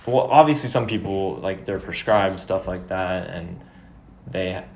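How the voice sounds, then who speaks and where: A man's voice: low-pitched, unhurried. A young man from Houston, Texas, a podcast guest who talks in a hesitant way, stopping and restarting. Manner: hesitant, many fillers and restarts. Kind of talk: casual conversation. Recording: echoey room, faint noise.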